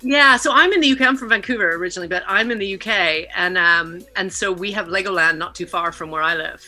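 A middle-aged Canadian woman joins a podcast as a guest over a video call, chatting casually in interview style. Her voice is bright and forward yet fairly low in pitch, and she talks fast, laughing and telling stories in a lively, animated way. Faint music plays behind her.

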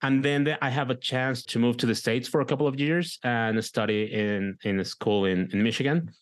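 A middle-aged Mexican director and producer talks through his career as a guest in a casual interview, speaking with a Mexican Spanish accent. He often repeats words while searching for them, in a mid-range voice at a moderate pace.

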